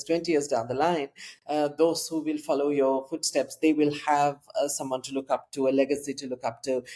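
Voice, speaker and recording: An interview host asking thoughtful questions in a measured, reflective way, with frequent fillers. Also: mid-range voice, mellow. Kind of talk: interview conversation.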